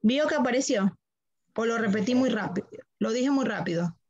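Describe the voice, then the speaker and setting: A woman's voice: fairly high pitch, expressive, normal speed, darkish tone, lo-fi sound. A woman teaching a computer class online, walking students through steps patiently, repeating them and checking that they follow.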